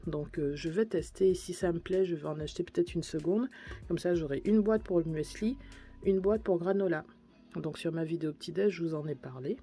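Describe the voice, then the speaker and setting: Chatty woman vlogger, mellow voice. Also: fairly low pitch, a little fast, faint music behind. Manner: chatty and gushing about purchases. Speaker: beauty and lifestyle vlogger. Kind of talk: casual shopping haul vlog.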